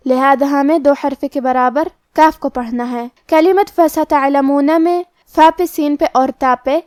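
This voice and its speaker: A woman teaching tajweed, deliberately explaining each letter's rules and slowly reciting the verses aloud. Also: high voice, a little mellow, dry recording, studio quality. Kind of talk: tajweed lesson with slow recitation.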